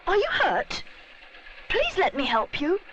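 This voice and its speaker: A woman's voice: extremely high pitch, huge pitch swings, slow pace, fairly bright tone, dull audio, slight background noise, pitched above the performer's own voice, heavily acted. A woman voicing an eager, kind and curious young boy bear for a children's cartoon story, earnest and full of exclamation. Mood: concerned.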